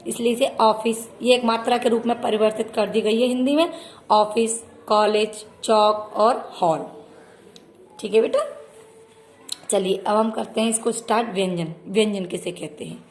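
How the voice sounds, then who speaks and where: A woman's voice: a little high, fairly even intonation, a little fast, a little mellow. A woman teaching a children's Hindi grammar lesson, patiently repeating terms and addressing her pupils fondly. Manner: patient, repeats terms and calls listeners "beta".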